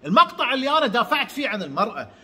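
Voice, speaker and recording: A man giving a heated religious monologue, swinging between shouts and low mutters. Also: big pitch swings, racing. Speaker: channel host.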